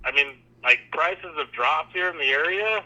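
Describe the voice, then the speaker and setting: Casual male caller heard over a speakerphone, sharp and bright, slangy. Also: a little high, animated, normal speed. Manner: laid-back, slangy, calls people dude and bro. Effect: played over a phone on speaker. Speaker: caller on a livestream. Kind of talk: casual chat. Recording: dull, lo-fi phone line on speaker.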